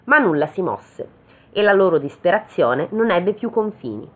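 Reading a fairy tale aloud in a casual way, a woman with a lowish, very animated and slightly rough voice goes slowly and then slips into joking, chatty remarks. The recording sounds tinny, like a phone.

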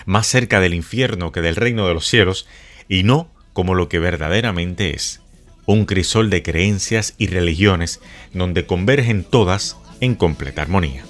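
A man announcing a podcast episode in steady, scripted narration. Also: deep voice, normal speed, faint music behind. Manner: steady, read-out delivery. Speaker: show announcer.

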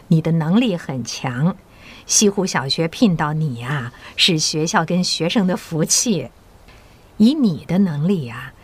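The same kind of role, a mature and patriotic school principal in an audio drama, is voiced by an actress who speaks with measured authority, encouraging and persuading. Here her lowish, husky female voice carries a grave, persuasive mood in a full character performance.

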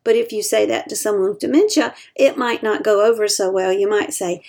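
Earnest woman advising caregivers, gravelly. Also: medium pitch, darkish tone. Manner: earnest, slows down to stress key points; acts out example quotes in other voices. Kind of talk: advice talk to caregivers.

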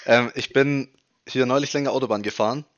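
A young man, co-hosting a casual chat and telling lively stories with acted-out voices. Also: medium pitch, brisk, no echo, highs cut off. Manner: animated storyteller, acts out quoted voices. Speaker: podcast co-host.

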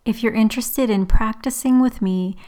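A woman leading a guided relaxation meditation in a soothing, unhurried sleep-story manner, leaving long pauses. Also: a little high, mellow. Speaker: yoga and meditation teacher, host. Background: background music.

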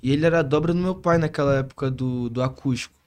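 Fast-talking Rio guy, heavy street slang. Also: mid-range voice, darkish tone, clear, resonant tone. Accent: Rio de Janeiro. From Rio de Janeiro, Brazil. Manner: slangy, constant tag phrases. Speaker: interview guest, hip hop musician.

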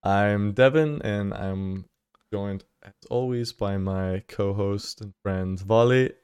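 A man hosts a casual podcast from home, easygoing and quick to laugh. His voice is smooth and resonant, and the sound is close and dry. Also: lowish voice, darkish tone, no echo. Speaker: podcast host. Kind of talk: casual chat. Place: home, on a voice call.

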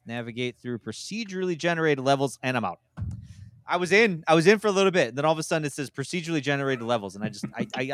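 Lively man reading game blurbs aloud. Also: medium pitch, no echo. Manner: reads game blurbs then breaks off to comment. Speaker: podcast co-host. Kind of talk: casual podcast chat, reading aloud.

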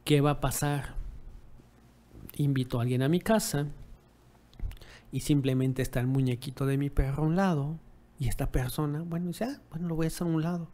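A man's voice: fairly high pitch, steady tone, fairly quick, long pauses, dark tone. A man giving dog-owning advice in a casual monologue, often ending remarks with rhetorical tag questions and acting out what people said. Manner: rhetorical tag questions, acts out quoted dialogue.

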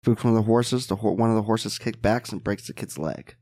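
A man who is a podcast guest and mindset mentor, telling a parable in an animated, casual way and often asking "right?". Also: lowish voice, brisk, dry recording, clean studio sound. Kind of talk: casual storytelling.

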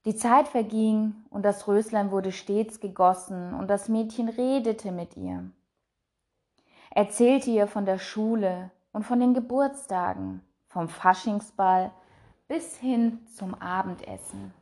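Slow, soft-spoken woman reading a fairy tale. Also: mid-range voice. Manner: slow, soft and measured, trailing off quietly. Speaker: narrator. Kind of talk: storybook reading.

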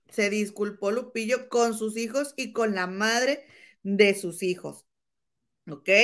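A woman hosting a casual gossip chat, retelling a quarrel and acting out the quoted insults. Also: on the high side. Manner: animated storytelling, acts out quoted insults, keeps saying "comadre".

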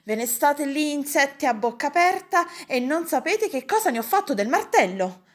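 A woman's voice: medium pitch, sing-song, unhurried. A woman voicing a fussy, bossy middle-aged uncle who barks orders at his household in a storybook reading. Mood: exasperated. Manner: loud, raised, exasperated barking of orders. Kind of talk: audiobook character voice.

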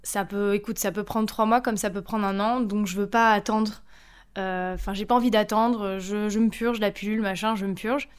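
A woman in her thirties, a podcast guest telling her own story in a chatty, lively way with frequent hesitations. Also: medium pitch, moderate pace, smooth. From France. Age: 30s. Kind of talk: casual interview storytelling.

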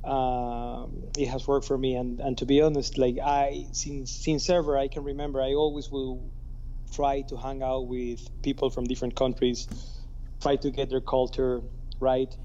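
A man from Ecuador speaks English with a Spanish accent, unhurried and friendly, tagging sentences with "right?". His tone is mellow and dark. The audio comes through a muffled remote call with a faint hiss. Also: medium pitch. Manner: relaxed, tag questions "right?". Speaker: guest, scuba diving instructor. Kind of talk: casual remote interview.

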